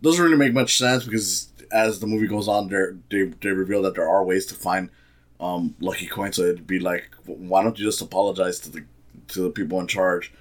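A man with a low voice talks through a film in a casual, off-the-cuff review. He rambles and restarts often, with a sarcastic, exasperated edge. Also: steady tone, fairly quick. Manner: rambling, sarcastic, frequent fillers. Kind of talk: casual spoken movie review.

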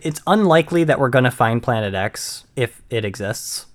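A man from Maine co-hosts a casual podcast, explaining things at a middling pitch. He talks in halting bursts, full of ums and restarts as he works out each point. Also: lively intonation. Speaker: podcast co-host. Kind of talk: casual chat.

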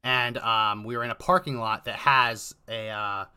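A man's voice: medium pitch, fairly even intonation, normal speed, pushed and bright, smooth. A middle-aged man from Texas hosting a podcast, telling a story casually with a rambling manner. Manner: rambling, many fillers and restarts. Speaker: podcast host.

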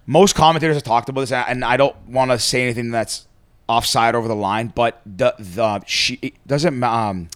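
A man's voice: medium pitch, moderate pace, clean tone, no room sound. A young man in casual banter, emphatic and often interrupting himself to qualify what he says. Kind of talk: casual banter about combat sports.

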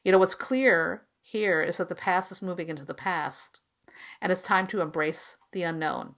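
A woman's voice: fairly low pitch, moderate pace, a bit bright. A woman hosting a tarot podcast solo, explaining in a casual, colloquial way and advising the listener directly. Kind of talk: casual, conversational explainer monologue.

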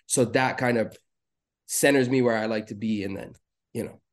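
A man from Lebanon talking as a podcast guest in a relaxed, rambling way with lots of fillers. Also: mid-range voice, normal speed. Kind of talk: casual interview chat.

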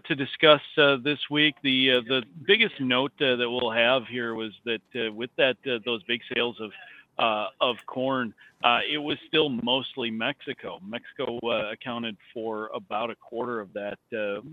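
A man's voice comes through a narrow, tinny phone line, dry and close with no room around it. He speaks as an analyst guest at a middling pitch, stopping often on filler sounds as he works through his answers. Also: dry recording. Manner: hesitant, many filler sounds. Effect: over the phone. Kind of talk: phone interview.

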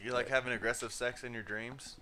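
A man's voice: mid-range voice, flat delivery, brisk, pushed and bright, slight background noise. A man chatting casually with friends in a blunt, teasing way. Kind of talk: casual chat among friends.

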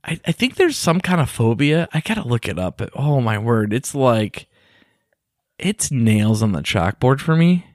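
A man's voice: medium pitch, big pitch swings, normal speed, darkish tone, no room sound, clean studio sound. A man co-hosting a casual podcast, chatty and playfully complaining, often laughing. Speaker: podcast co-host. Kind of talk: casual chat.

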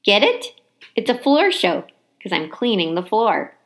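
A woman's voice: mid-range voice, very animated, unhurried, fairly bright tone. A woman voicing a friendly, chatty male night janitor in a storybook, jovial and playful. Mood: jovial, showy.

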